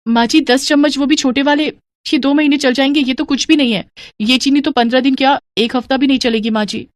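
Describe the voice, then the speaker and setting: A woman voicing a meek young daughter-in-law in a cartoon, pleading in a soft way. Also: high-pitched, steady tone, fairly quick, no room sound, studio quality, voice pushed up, close to an everyday voice.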